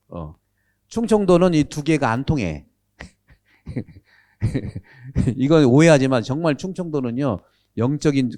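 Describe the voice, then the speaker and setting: Lively priest lecturing, mellow voice. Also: male voice, mid-range voice. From Jeolla, Korea. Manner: animated, asks the audience questions. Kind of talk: catechism lecture to a live audience. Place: lecture room with an audience.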